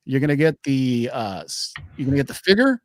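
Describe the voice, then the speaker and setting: A man's voice: mid-range voice, big pitch swings, a little fast, no echo, clean studio sound. A man hosting a casual comic-book livestream, hyping things up like a giveaway announcer in a rambling, joking, salty and informal way. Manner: salty, jokey, informal address. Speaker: livestream host.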